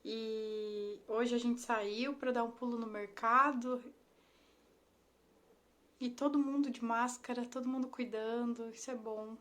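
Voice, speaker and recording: Slow high-voiced woman on a live stream. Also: fairly even intonation. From Brazil. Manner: warm, affectionate, greets viewers by name. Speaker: Instagram live host, ThetaHealing instructor. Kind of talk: casual live stream chat, greeting viewers. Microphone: phone or laptop mic on a live stream.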